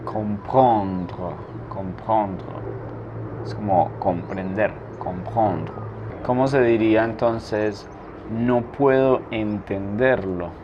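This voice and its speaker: A man teaching a language lesson, asking a prompt and then saying each answer slowly twice. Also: on the low side, fairly even intonation. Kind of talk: slow spoken drill lesson. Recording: dull lo-fi recording with faint noise.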